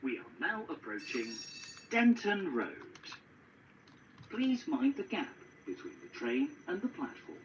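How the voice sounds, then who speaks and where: A man voicing an automated onboard train announcement, formal and measured. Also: high-pitched, wildly swooping pitch, distant mic, dull audio, a little hiss or hum, heavily acted. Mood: announcing. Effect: onboard train announcement over a speaker.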